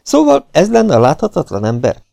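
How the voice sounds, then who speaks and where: Man playing a cool bearded gentleman with a gun, brusque and unafraid, storybook. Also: on the high side, wildly swooping pitch, vocal fry, dry recording, studio quality, voice pushed up, exaggerated voice. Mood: cool defiant.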